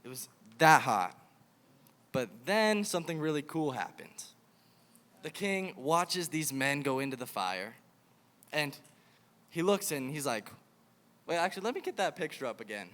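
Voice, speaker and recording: A young man giving a casual, animated sermon to kids at a youth camp, telling a Bible story and acting out its characters. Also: a little high, measured pace, pauses often. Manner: animated storytelling, acts out the king. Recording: hall reverb.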